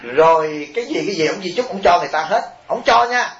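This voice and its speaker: A man, a Buddhist monk, telling stories in a lively sermon and asking his listeners questions directly. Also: sits high, fast talker. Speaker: Buddhist monk giving a dharma talk. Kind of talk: storytelling sermon. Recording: roomy, dull lo-fi recording with faint hiss.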